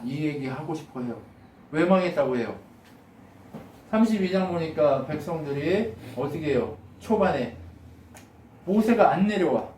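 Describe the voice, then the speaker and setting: Male pastor, high voice, animated sermon, roomy and off-mic. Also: slight background noise. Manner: animated, acts out God's lines with laughs. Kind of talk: lively conversational sermon. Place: church sanctuary. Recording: echoey room, mic from a distance.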